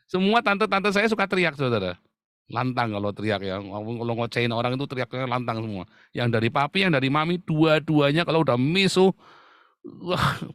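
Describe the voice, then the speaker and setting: A man's voice: a little high, fairly bright tone, dry recording, clean studio sound. Man preaching a sermon. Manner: addresses the congregation as "Saudara" often, with humor and laughs. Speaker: pastor.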